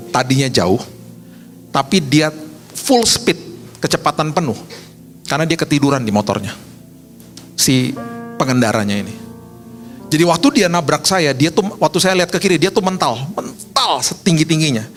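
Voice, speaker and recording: A male pastor preaching a sermon in a casual, conversational way, telling stories with lively swings in pitch. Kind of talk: sermon with storytelling.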